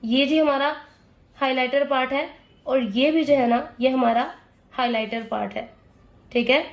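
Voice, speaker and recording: A woman with a high voice teaches makeup step by step, sounding hoarse as she strains to talk. She explains patiently and keeps checking in with her viewers. The room has a noticeable echo. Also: fairly even intonation, a little slow. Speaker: makeup tutor.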